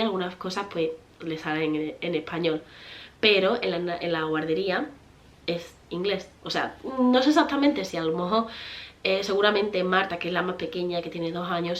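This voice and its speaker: In lo-fi sound, a woman with a lowish voice talks informally to her audience, responding to their questions. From Spain and in her thirties, this mother and vlogger has a Spanish accent, wanders from point to point with fillers and restarts, and keeps laughing.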